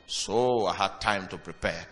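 A man preaching a sermon with dramatic pauses and sudden loud bursts. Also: low-pitched. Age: young adult or older. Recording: reverberant hall with music behind.

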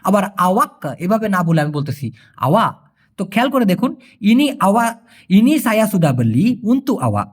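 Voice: mid-range voice, sing-song, brisk, a little mellow. A language teacher, explaining a lesson patiently and repeating phrases.

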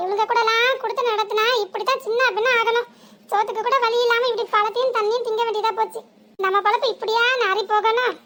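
In a comic cartoon, a woman with a very high voice plays a sharp-tongued young village wife. She grumbles and scolds sarcastically in a southern Tamil village dialect.

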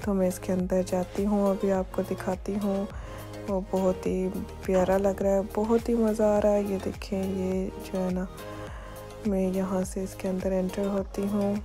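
A woman's voice: mid-range voice, little pitch movement, a little slow, music in the background. A woman vlogging a walking tour outdoors through city streets at dusk, chatting casually and pointing out sights as she goes. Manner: chatty, repeats "ye dekhiye" while pointing things out. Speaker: travel vlogger.

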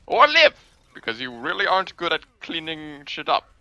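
Excitable high-pitched man gaming. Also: a little fast, dull audio. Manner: excitable, swearing, squealing laughs. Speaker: gaming video creator. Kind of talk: gameplay commentary.

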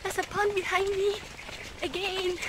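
Young female running vlogger, very high voice, breathless and excitable, loud outdoor noise on a handheld phone. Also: a little slow. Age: young adult. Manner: short breathless phrases, excitable. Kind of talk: casual running vlog chat. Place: outdoors on a night race route. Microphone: phone at arm's length. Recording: noisy outdoor phone recording on the move. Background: clear outdoor ambient noise.

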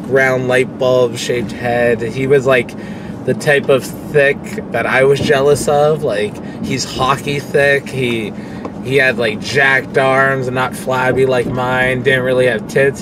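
A young man with a mid-range voice rambles candidly and swears freely while driving, talking to a phone camera on the dashboard. He is a vlogger and pro wrestler, and the car interior carries road and engine noise.

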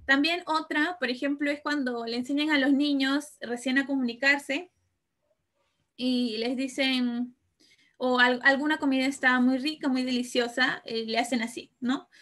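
A woman's voice: high voice, fairly even intonation, moderate pace, a bit bright. A woman giving an informal talk, explaining patiently and tagging her sentences with questions to the audience. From Peru. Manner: explains patiently with many fillers and "¿no?" tags. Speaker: lecturer on Italian customs.

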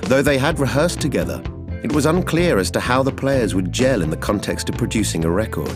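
A man narrating a music documentary in an even, measured reading. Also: medium pitch. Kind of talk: scripted narration.

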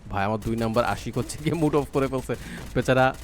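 A young man who streams mobile games gives casual, playful commentary while playing a mobile shooter, teasing opponents and coaching teammates. He talks fast in a mid-range voice, with slight background noise.

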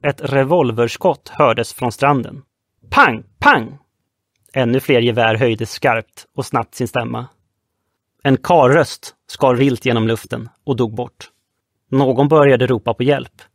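A man's voice: mid-range voice, steady tone, no room sound, studio quality. Man narrating an audiobook steadily.

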